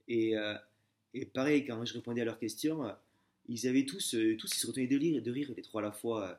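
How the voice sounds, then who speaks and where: A man's voice: medium pitch, brisk, darkish tone. A young man talking casually in a vlog, telling stories full of fillers and restarts. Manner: hesitant, many fillers and restarts; chatty, familiar storytelling. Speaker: exam candidate sharing his method.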